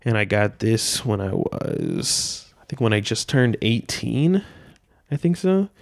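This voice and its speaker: A man's voice: on the low side, sing-song, slow pace, gravelly, no echo, clean studio sound. A man in his twenties hosting a casual solo podcast from a small room at home, rambling in a loose, laid-back way with lots of filler words and swearing, speaking into a handheld mic. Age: 20s. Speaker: podcast host. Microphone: handheld dynamic mic, wearing headphones.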